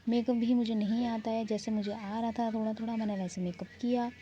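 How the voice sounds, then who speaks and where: A young woman vlogger narrates her casual vlog voice-over in a chatty, rambling, self-mocking way. Her voice is on the high side, mellow and steady, a little fast. The sound is dull and lo-fi with faint background noise.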